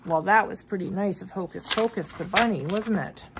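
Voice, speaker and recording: With a mild cold, an older or middle-aged woman reads a story aloud to her grandchildren, full of expression and questions for the little ones. She speaks at normal speed with a medium pitch, and there's noise in the background.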